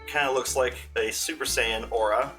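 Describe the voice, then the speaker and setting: A man running a tabletop game as game master for a live chat, narrating casually and haltingly as he improvises aloud. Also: mid-range voice, fairly even intonation, a bit bright. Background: music.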